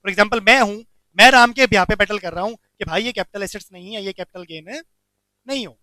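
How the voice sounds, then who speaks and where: A man teaching a commerce lecture, animated, asking the class questions and answering them himself. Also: high voice, smooth, dry recording.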